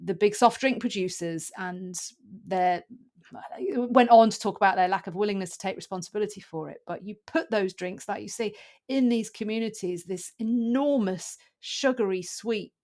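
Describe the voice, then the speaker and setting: A woman doctor hosts a relaxed podcast conversation. She talks in a thoughtful, measured way, with a mid-range voice, and keeps murmuring along while her guest speaks. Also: medium pitch. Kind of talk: casual conversation.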